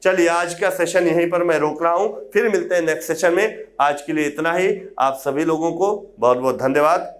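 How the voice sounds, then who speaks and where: A man's voice: a little high, normal speed, hardly any pauses. A man teaching Hindi grammar in an exam-prep video lecture, asking the class questions and answering them himself while writing on a board.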